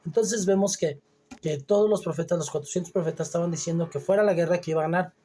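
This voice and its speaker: A man preaching a Bible teaching sermon, reading scripture aloud and then explaining it, often pausing with hesitant fillers. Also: fairly high pitch, fairly even intonation, dark tone.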